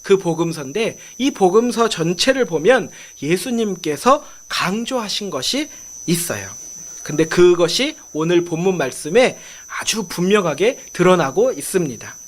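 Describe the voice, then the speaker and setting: Man, pastor, Sunday sermon in a church, high-pitched voice, questions to the congregation, call-and-response. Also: sing-song, a little hiss or hum. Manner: reads scripture slowly and with emphasis. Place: church sanctuary.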